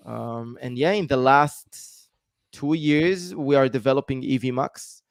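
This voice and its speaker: A man's voice: mid-range voice, unhurried, creaky, smooth, no room sound, clean studio sound. A man, a guest explaining at length in a live-stream interview with many ums. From Israel. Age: 30s. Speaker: guest, tech founder.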